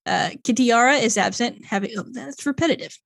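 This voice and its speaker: A woman with a fairly high, brisk voice and vocal fry co-hosts a casual podcast. She works through a long plot summary aloud, stumbling on odd names and dropping in lots of fillers.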